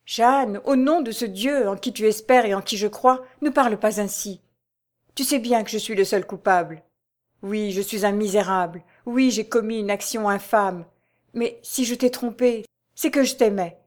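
A woman's voice: mid-range voice, moderate pace, close to an everyday voice. A woman voicing a passionate, desperate young nobleman in an audiobook, pleading and exclaiming in a raised, urgent voice. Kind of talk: audiobook character voice.

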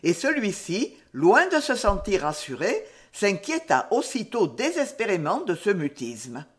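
A woman narrating a story in a measured, expressive audiobook style. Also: mid-range voice, slightly rough.

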